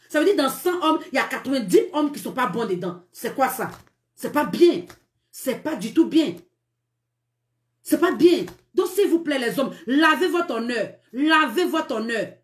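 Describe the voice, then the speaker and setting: A fast-talking woman with a high voice and a Cameroonian French accent, hosting a live stream of relationship talk. She scolds emphatically and repeats her points, laughing through her words. The sound is echoey, as if from a bare room. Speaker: live-stream dating advice host.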